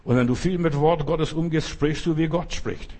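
A man's voice: on the high side, moderate pace, a little mellow. Older guy preaching, hammering the same points, talks right at you. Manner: emphatic, repetitive, addresses listener directly. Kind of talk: sermon.

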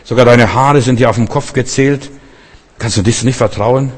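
A man's voice: mid-range voice, fairly even intonation, moderate pace, long reverb tail. A man preaching a sermon, speaking directly to the listener with repeated urgent exhortations.

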